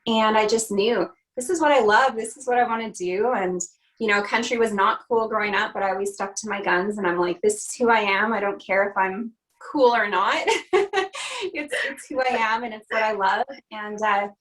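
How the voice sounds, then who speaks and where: A young woman from Canada talks as a guest in a relaxed video-call interview. She is chatty and upbeat, laughing easily between thoughts. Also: mid-range voice, moderate pace, low-quality recording. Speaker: country singer, interview guest.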